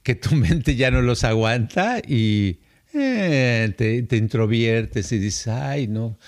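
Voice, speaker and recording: A man's voice: mid-range voice, sing-song, slow. An older man from Mexico with a Mexican Spanish accent, telling personal stories in a casual conversation. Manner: storyteller who mimics English speakers and often breaks into chuckles.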